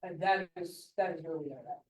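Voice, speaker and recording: A woman's voice: lowish voice, fairly quick, echoey room, distant mic, low-quality recording. A woman on a community panel giving an earnest, emphatic answer about political organizing. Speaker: campaign panelist.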